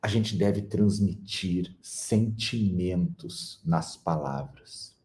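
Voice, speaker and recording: Deep, mellow-voiced man. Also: extremely slow. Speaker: speaker on personal development. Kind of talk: motivational talk.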